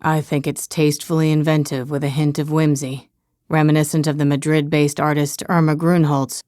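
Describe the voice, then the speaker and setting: A woman voicing a hulking, stoic male bodyguard in an audiobook, speaking in a deep monotone. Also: moderate pace, no echo, clean studio sound, lightly acted. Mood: deadpan.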